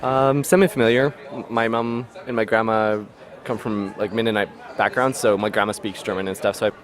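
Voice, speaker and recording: A man's voice: on the low side, steady tone, fairly quick, a faint crowd. A man answering casually as an interviewee on the street.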